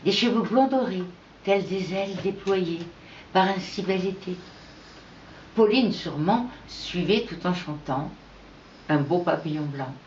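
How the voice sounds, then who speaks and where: A woman reading her own poetry aloud in an unhurried, measured recitation with pauses between verses. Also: lowish voice, animated, darkish tone, slight background noise. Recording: echoey, dull lo-fi room recording.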